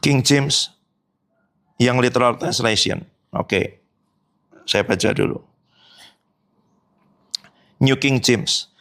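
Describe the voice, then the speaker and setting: A man's voice: medium pitch, drawn-out words, long pauses, fairly bright tone. A male pastor preaching a sermon, questioning the congregation and reading scripture aloud. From Indonesia. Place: church hall.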